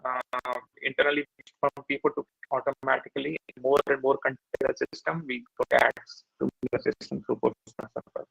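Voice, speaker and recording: A man giving a technical talk over a video call through an earphone mic, his audio choppy and breaking up, speaking haltingly with many fillers. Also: mid-range voice, flat delivery, gravelly, a bit bright, slightly rough, no echo. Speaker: technical presenter. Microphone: earphone headset mic. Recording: dull lo-fi video call line.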